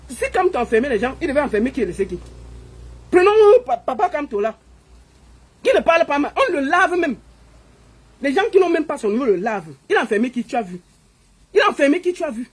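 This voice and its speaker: A woman with a Cameroonian French accent giving an animated, scolding opinion monologue as an online commentator. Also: high-pitched.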